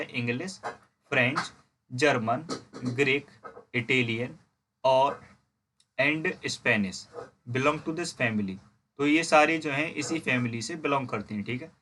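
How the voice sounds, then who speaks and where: A man teaching a history lesson in Hindi. He reads English lines slowly, explains them, and asks and answers his own questions. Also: medium pitch, pushed and bright, slight background noise. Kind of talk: classroom lecture explaining a textbook.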